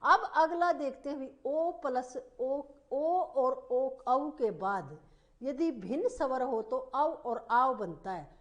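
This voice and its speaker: A woman teacher giving a slow, repetitive grammar lesson, asking the class questions as she explains. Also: high voice, sing-song. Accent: Hindi.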